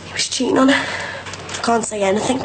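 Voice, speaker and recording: A woman's voice: on the high side, fast, lightly acted. An actress playing a bitter, numb, grieving young woman in a soap opera. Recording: steady background noise.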